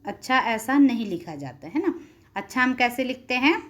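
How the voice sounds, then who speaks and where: A woman's voice: on the high side, very animated, normal speed, a bit bright. A woman teacher explaining a lesson patiently, repeating key terms and asking her students check questions.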